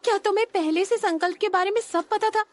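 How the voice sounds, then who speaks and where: A man's voice: very high-pitched, fast talker, voice pushed up. A man voicing an anxious young woman who fires off questions in a pleading tone.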